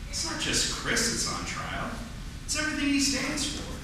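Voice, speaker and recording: Man playing an earnest defence lawyer, hugely varied pitch, impassioned, radio play style, very echoey hall. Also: big pitch swings, normal speed. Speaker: community theatre actor. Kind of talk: 1940s radio play acting. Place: community theatre stage performance. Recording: echoey hall, distant mic, noisy.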